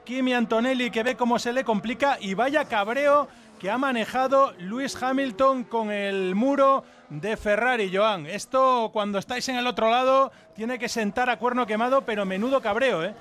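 High-pitched male Spanish motorsport commentator. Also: normal speed, fairly bright tone. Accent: Castilian Spanish. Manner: narrates the action, throws questions to colleagues. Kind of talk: live race commentary.

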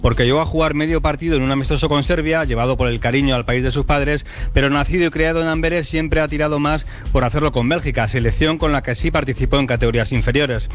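A male sports reporter tells a radio feature story at a fast pace. He explains the details in a lively way. Faint music runs behind him. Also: on the high side.

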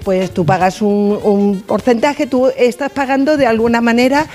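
A woman's voice: a little high, normal speed, a little mellow, faint music behind. A woman from the studio audience chats on a radio show, talking hesitantly with many fillers. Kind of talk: casual chat on a radio show.

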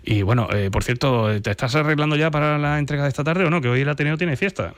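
A man hosting a radio show, handing off briskly and casually to guests. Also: fairly high pitch. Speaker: radio host.

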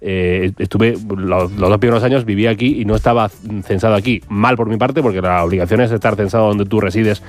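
Guy running a quiz on air, talks fast and teases, faint music behind. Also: fairly low pitch, steady tone. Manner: fast, teasing, self-mocking. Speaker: quiz host. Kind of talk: radio banter.

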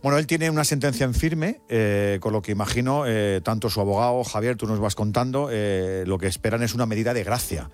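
A man's voice: fairly low pitch, a little fast, few pauses. A man co-hosting a sports radio show, giving background to listeners in an explanatory manner. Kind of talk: radio interview.

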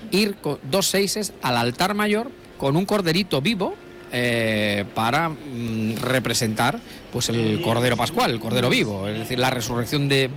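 This middle-aged Spanish broadcaster, from La Mancha, offers meandering live commentary at an outdoor street procession, using lots of fillers and restarts. He speaks at medium pitch and a measured pace. Crowd noise from the live street broadcast surrounds him.

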